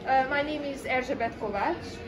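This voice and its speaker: A woman in her forties from Hungary with a Hungarian accent, talking about her paintings in a halting way with many fillers. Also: sits high. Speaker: exhibiting artist. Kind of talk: informal gallery talk. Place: small gallery room with pictures on the walls. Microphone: far camera. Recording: distant mic with room noise.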